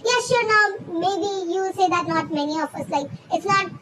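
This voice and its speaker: Female host, squeaky chipmunk cartoon voice with pitched-up effect, extremely high; informal, rambling commentary over clear background noise. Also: moderate pace, bright, forceful tone. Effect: pitched-up chipmunk filter. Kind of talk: casual commentary reading online posts aloud.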